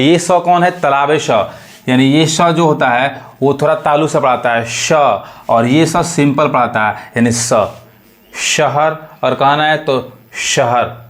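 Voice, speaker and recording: A man teaching English pronunciation, who explains step by step and asks and answers his own questions. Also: on the high side. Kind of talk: pronunciation lesson.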